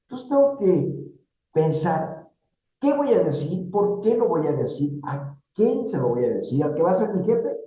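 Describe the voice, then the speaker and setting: A man's voice: fairly high pitch, sing-song, unhurried, dark tone. A man with a Mexican Spanish accent giving a university workshop talk on job interviews, teaching with rhetorical questions and frequent tag questions. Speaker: career workshop speaker. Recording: roomy, dull sound.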